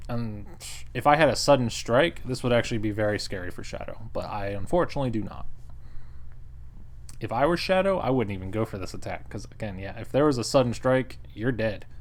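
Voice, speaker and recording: A man talks through a board game he played, in an easy, wry, conversational way. He laughs often at his own moves and acts out lines from the table. His voice sits at an ordinary middle pitch. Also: darkish tone. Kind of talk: casual game recap commentary.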